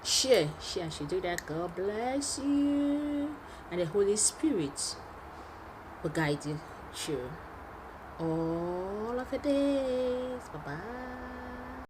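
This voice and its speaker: A woman's voice: a little high, drawn-out words. A woman hosting a video channel, introducing a clip and urging viewers to share it, pleading and repetitive. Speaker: channel host. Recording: noisy background.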